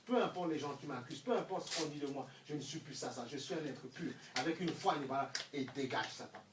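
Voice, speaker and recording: High-voiced fervent preacher in echoey hall. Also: male voice, fast. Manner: fervent, swings from hushed asides to shouts, rhetorical questions. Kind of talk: sermon. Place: church hall. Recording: echoey room, distant mic, faint noise.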